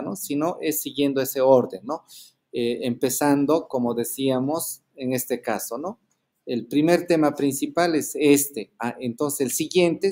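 Male teacher on a video call, mid-pitched, explanatory, leans on tag questions. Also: warm tone. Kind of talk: online class lecture.

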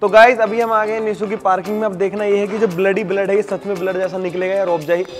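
A man's voice: high-pitched, level tone, fast, over music. Joking young man vlogging. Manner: joking, playful, self-mocking. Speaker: prank vlogger. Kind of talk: casual vlog narration.

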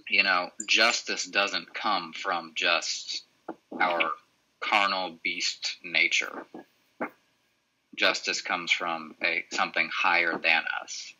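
A man's voice: sits low, fairly even intonation, slow, sharp tone, poor audio. A man leading a casual book club discussion on a video call, asking follow-up questions.

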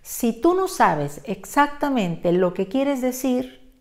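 A woman's voice: fairly high pitch, very animated, slow. A woman teaching spelling, methodically walking through each step in a close voice-over. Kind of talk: instructional lesson narration.

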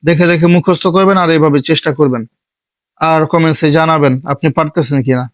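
A man from Bangladesh teaching an online Quran recitation lesson, patiently repeating each step slowly. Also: fairly high pitch, no room sound.

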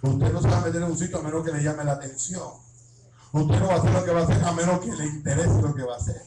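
A man's voice: a little high, fairly even intonation, fast, roomy sound, distant mic, loud music behind the voice, low-quality recording. A man preaching an impassioned sermon as an evangelist, crying out and acting out prayers. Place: church.

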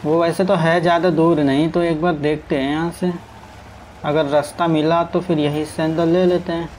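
Man, casual gameplay commentary, slightly high voice, faint game noise behind. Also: level tone, normal speed, a little mellow, poor audio. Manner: chatty, talks to the truck and viewers as he plays. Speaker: gaming streamer. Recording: faint game sounds in background.

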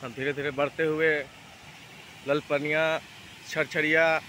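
A man's voice: on the high side, little pitch movement, slow, sharp tone. A man narrating a travel vlog outdoors at a forest waterfall, enthusiastically inviting viewers along. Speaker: vlogger. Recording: outdoor phone audio with background noise.

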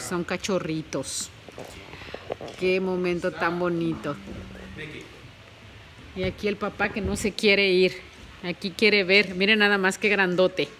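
Woman home vlogger, leisurely pace, bright tone, doting chatter with English words mixed in. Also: mid-range voice, slight background noise, rough recording. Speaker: family vlogger. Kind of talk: casual home vlog narration. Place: at home beside a birthing dog.

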